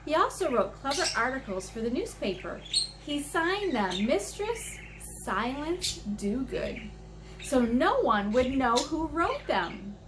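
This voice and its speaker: An American woman, an elementary teacher, reads a picture book to children, expressive and teacherly, stressing key words, asking her young listeners questions and adding explanatory asides. Her voice is high and slow. There's a noisy background.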